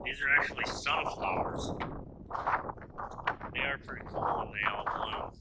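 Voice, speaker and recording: A man's voice: medium pitch, unhurried. A man chatting casually for an outdoor vlog while out in strong, gusting wind. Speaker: vlogger showing fence work on rural land. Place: outdoors in open windy desert pasture. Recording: loud wind noise over voice.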